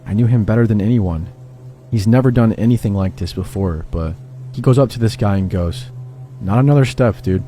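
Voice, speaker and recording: A man narrates a true horror story in the first person, in a low voice. His tone is dark and mellow, and he keeps an even storytelling pace. Soft music plays faintly behind him. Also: brisk.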